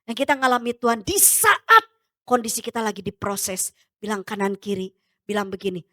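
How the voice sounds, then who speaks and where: A woman pastor preaching a sermon, emphatic, swinging between loud urging and soft low asides. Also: moderate pace, dry recording, clean studio sound.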